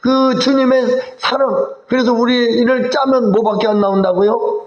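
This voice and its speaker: A man's voice: extremely high pitch, fairly even intonation, measured pace, echoey room, muffled recording. A male pastor preaching a sermon in a church sanctuary, speaking animatedly and putting questions to the congregation.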